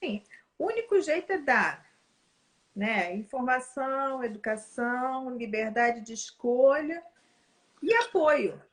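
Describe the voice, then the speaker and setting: A woman's voice: sits high, lively intonation, slow. A woman in her forties with a Brazilian Portuguese accent, in a casual conversation, talking emphatically and speeding up as she tells stories.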